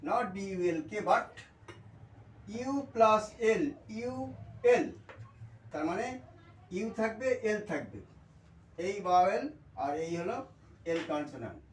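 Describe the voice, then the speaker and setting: A Bengali-accented man gives a pronunciation lesson in a high voice. He spells out letters and repeats example words, checking in often with an "okay". He sounds set back from the mic in an echoey room. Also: big pitch swings, takes it slowly, pauses often, distant mic, a little hiss or hum. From India. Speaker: English teacher. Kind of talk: spoken language lesson.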